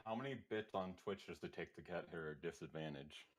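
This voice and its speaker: A man's voice: deep voice, brisk, heavy background noise. A man playing a tabletop game, eager and hesitant, full of fillers. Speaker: player. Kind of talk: casual tabletop play.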